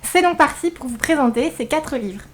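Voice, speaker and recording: Casting: female book vlogger, high-pitched, slight lisp on s, casual presenting, faint music underneath. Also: animated, moderate pace. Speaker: book reviewer presenting recent reads. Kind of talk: casual scripted-outline vlog talk.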